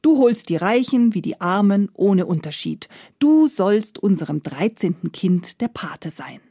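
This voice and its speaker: A woman's voice: medium pitch, expressive, measured pace, dark tone, dry recording, clean studio sound. A woman voicing a poor, desperate peasant father of thirteen, speaking earnestly.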